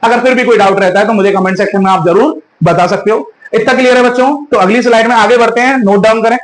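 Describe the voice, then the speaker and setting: High-voiced chemistry teacher, echoey. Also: male voice, fairly even intonation. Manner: asks questions and answers them himself, calls students "beta"; drawn-out, slow spelling of key terms. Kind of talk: online class lecture.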